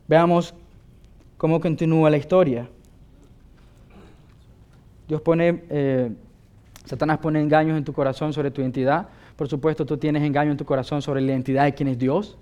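A man's voice: a little high, fairly even intonation, unhurried, long pauses, mellow. A male pastor preaching a sermon with emphatic delivery, often asking his listeners rhetorical questions.

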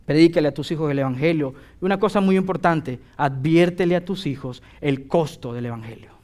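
A middle-aged man preaching a sermon, emphatic and exhorting, building to loud declarations. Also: on the high side, fairly quick.

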